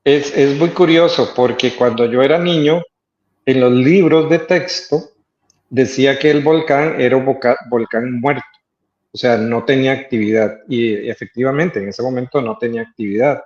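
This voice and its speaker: A man's voice: medium pitch, darkish tone. Hesitant Costa Rican man, roomy sound. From Costa Rica. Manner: hesitant, thoughtful, many filler pauses. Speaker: guest artist. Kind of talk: interview conversation. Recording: roomy, slightly dull sound.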